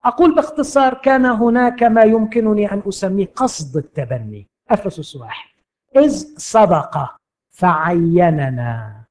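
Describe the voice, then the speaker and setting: Egyptian male preacher, high and very animated, impassioned, rises loud then drops to a hush. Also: moderate pace. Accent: Egyptian Arabic. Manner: impassioned, swings between loud and hushed. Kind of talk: sermon.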